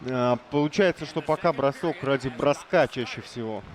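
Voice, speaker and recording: A man's voice: medium pitch, moderate pace. A man co-commentating on an esports hockey match, adding analysis and running tactical tips in short phrases. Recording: crowd noise behind. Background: crowd noise.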